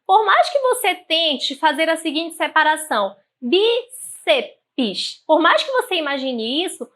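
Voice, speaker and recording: A woman teacher with a Brazilian Portuguese accent leads an online grammar lesson in a high, bright voice. She speaks in a clear, didactic way and slows down to sound out syllables one by one. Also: sing-song.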